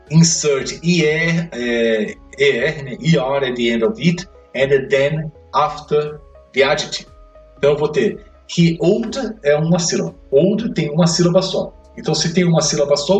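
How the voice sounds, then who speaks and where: A man teaching an English grammar lesson, explaining step by step and checking in with quick questions. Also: on the high side, highs cut off. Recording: echoey room, mic far off, faint music.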